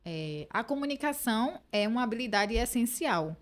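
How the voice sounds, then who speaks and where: A Brazilian woman hosts a casual interview, her voice sitting a little high. She talks her way conversationally into each question for the guest. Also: lively intonation, normal speed. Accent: Brazilian Portuguese. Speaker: interview host.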